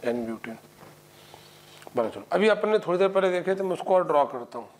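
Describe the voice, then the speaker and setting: A man's voice: high voice, animated, brisk. A middle-aged man teaching chemistry in a coaching classroom, lecturing and quizzing students with constant checks. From India.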